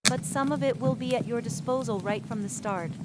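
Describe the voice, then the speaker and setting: In an audiobook, a woman voices a stern, weary old male policeman who patiently issues grave instructions and clipped warnings. Her own voice is on the high side and close to everyday speech, brisk in pace, with heavy background noise.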